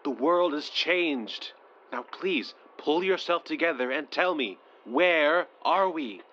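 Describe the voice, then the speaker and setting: In a modern audio drama, an actor plays a shaken but stubbornly hopeful male survivor, speaking urgently and bluntly with a resolve he won't give up. His voice is on the high side, animated, slow, pushed and bright, with an exaggerated quality. The sound is muffled and noisy, as from a handheld field recorder.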